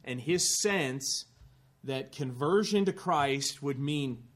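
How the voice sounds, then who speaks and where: A man's voice: mid-range voice, takes it slowly. A man preaching a sermon in a church, telling a story with earnest rising emphasis and the odd dry aside. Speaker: pastor.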